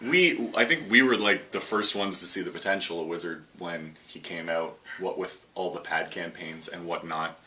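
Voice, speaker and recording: A young man hosting a casual card-game deck breakdown, reading card lists quickly and joking between them. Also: low voice, pushed and bright, poor audio. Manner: quick, jokey list-reading with laughs. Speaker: host.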